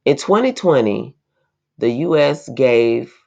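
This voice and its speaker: A woman's voice: a bass voice, animated, takes it slowly, creaky, darkish tone. A woman reading an article aloud and breaking off into indignant, emphatic commentary. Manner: indignant, emphatic asides between read passages. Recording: slightly dull, lo-fi recording.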